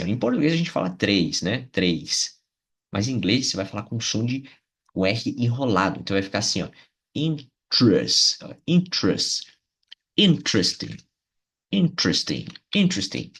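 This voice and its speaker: Husky-voiced Brazilian English teacher. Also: male voice, lowish voice, fairly bright tone. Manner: patient, repeats words slowly for pronunciation; frequent check-ins with his viewers. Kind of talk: video lesson.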